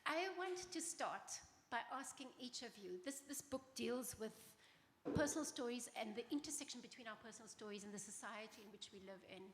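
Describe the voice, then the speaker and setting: Woman moderating a festival panel, a bit high-pitched, chatty, heard in a reverberant hall. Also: animated, fairly quick, a little hiss or hum. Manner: chatty, laughing, loose and informal. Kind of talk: live panel discussion. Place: festival venue before an audience. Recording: roomy hall with long reverb, faint ambience.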